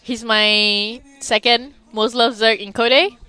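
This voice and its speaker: A woman's voice: fairly high pitch, slow pace, smooth. A young woman co-casting an esports match, asking questions and chatting through the players. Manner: animated, curious, chatty analysis. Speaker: esports co-caster. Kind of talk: casual esports commentary.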